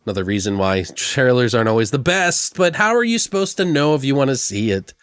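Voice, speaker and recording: A man's voice: mid-range voice, sing-song, quick pace, fairly bright tone, clear, resonant tone, no echo, studio quality. A man co-hosting a podcast, chatting loosely about a film and swearing freely. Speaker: podcast co-host. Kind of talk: casual film review chat.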